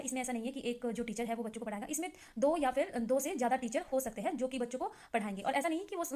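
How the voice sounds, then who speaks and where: Young woman, trainee teacher, casual revision lesson, rapid delivery, slightly high voice, chatty with fillers. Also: darkish tone. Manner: chatty explaining with many fillers, reads English definitions slowly.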